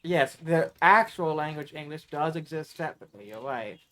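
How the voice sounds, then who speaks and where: A man's voice: on the high side, animated, moderate pace, sharp tone. Guy streamer rambling along casually, swears a lot, stretches his words out.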